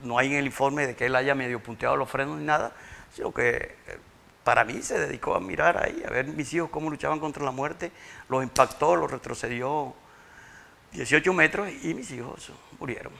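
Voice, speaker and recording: A grieving father, telling his story in a halting, tearful interview and repeating words when overcome. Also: mid-range voice, creaky, bright, forceful tone. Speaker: interview guest, bereaved father. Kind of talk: emotional interview testimony.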